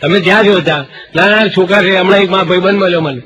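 A man telling comic stories on stage in a Kathiawadi Gujarati accent, dropping into hushed voices when he quotes people. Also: high voice, fast talker, crowd noise, poor audio. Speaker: stand-up comedian. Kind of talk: Gujarati folk stand-up storytelling.

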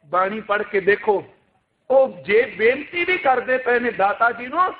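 A man with a very high voice delivers an impassioned Sikh sermon, pressing his listeners with rhetorical questions. His voice comes through thin and tinny, like over a phone line. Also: lively intonation, unhurried. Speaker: Sikh preacher. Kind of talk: religious sermon with recited scripture.

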